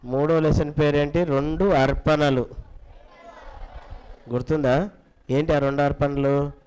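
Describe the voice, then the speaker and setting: A man leads a children's Bible lesson with a slightly raised pitch. He fires short questions at the class and repeats them. He keeps coaxing the children to answer louder. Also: fairly even intonation, unhurried, clear, resonant tone, low-quality recording. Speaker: Bible school teacher. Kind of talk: teaching children, quizzing the class.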